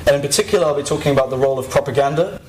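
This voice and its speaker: Man aged 21, informal podium speech, hesitant and reflective, mid-pitched voice, noise in the live recording. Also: very fast, a little mellow, reverberant, poor audio. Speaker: activist giving a talk. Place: live event stage before an audience.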